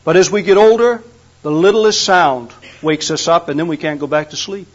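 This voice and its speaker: A man's voice: on the high side, normal speed. Older man preaching a folksy sermon. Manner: folksy storytelling with humor. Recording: dull lo-fi recording.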